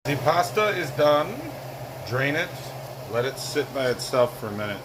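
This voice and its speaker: A man's voice: medium pitch, lively intonation, normal speed. A man talking casually through his home cooking in a giggly, loose, tipsy ramble. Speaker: home cook recording a cooking video. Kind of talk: casual cooking vlog talk. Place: home kitchen, indoors. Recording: clear background hum of air conditioning.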